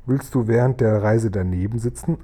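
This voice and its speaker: A man voicing a kindly, huge male giant who talks loudly and excitedly, mixing up his words in a storybook reading. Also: on the low side, normal speed, natural voice. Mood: friendly. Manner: loud and excitable, funny mixed-up words.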